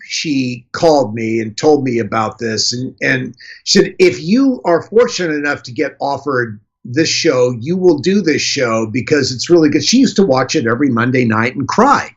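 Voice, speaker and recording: A husky-voiced Canadian-born man in his sixties, guesting on a radio interview and telling his story in a halting, restarting way. His voice sits mid-range and comes through a dull, muffled line. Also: mid-range voice. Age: 60s. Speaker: guest actor. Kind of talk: casual interview.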